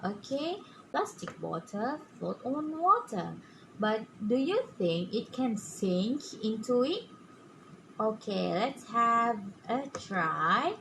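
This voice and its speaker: A woman teaching a simple step-by-step preschool lesson like a kids show host, haltingly, often asking questions and checking in with "okay?". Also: fairly high pitch. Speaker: preschool science teacher presenting a demonstration. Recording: clearly noisy room recording.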